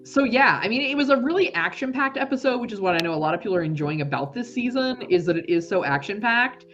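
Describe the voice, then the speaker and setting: A woman chatting on a podcast with a bouncy, animated delivery that swings up and down a lot. Her voice sits a little high, and she keeps things joking and playful. Faint music sits behind her. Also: highs cut off. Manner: lively and joking, quick asides. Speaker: podcast co-host. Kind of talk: casual group chat.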